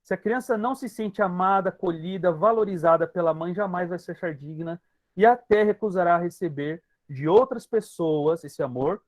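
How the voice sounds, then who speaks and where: High-voiced Brazilian man teaching a group. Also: moderate pace, a little mellow, no echo. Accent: Brazilian Portuguese. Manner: emphatic, addresses listeners directly and repeats key points. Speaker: hypnotherapist. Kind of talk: teaching talk to an online group session.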